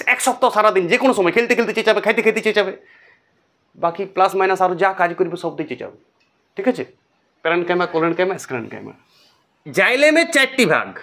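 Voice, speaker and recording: A man teaching a whiteboard biology lesson, chanting memory lists in a sing-song way and talking straight to his students. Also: fairly high pitch. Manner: lively, repetitive, talks straight to students.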